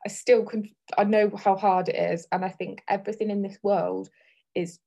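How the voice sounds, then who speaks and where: A woman's voice: mid-range voice, fairly even intonation, normal speed, warm tone, low-quality recording. Candid, chatty woman hosting a podcast, thirties. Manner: candid and chatty, laughs easily. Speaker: podcast host. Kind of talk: casual chat.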